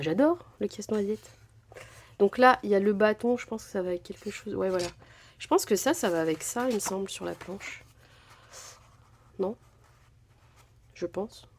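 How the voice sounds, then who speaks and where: A woman's voice: medium pitch, a little mellow. Woman vlogger, casual unboxing chat, effusive, lots of fillers. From France. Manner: chatty, gushing, many fillers. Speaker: crafting vlogger.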